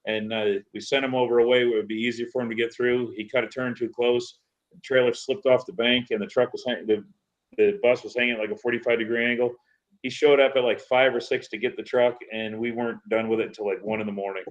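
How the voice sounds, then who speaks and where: A man's voice: medium pitch, little pitch movement, fast talker. A man telling rambling stories and laughing in a casual chat. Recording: dull lo-fi sound.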